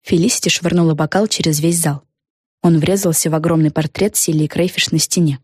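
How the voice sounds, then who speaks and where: A woman narrating a children's audiobook in a lively, expressive reading. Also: low voice, fairly quick, husky, no echo, studio quality. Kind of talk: scripted storybook narration.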